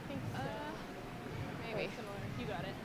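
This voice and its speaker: A woman's voice: medium pitch, normal speed. A woman curler making brief, clipped calls and comments to her teammates on the ice. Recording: very noisy arena, players' mics.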